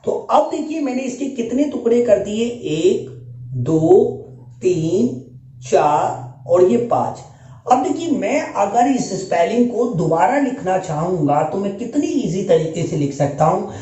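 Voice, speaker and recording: A man teaching English spelling in Hindi, breaking each word into sound parts and repeating them slowly. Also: high voice, very animated, warm tone, echoey room, low-quality recording. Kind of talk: spoken lesson.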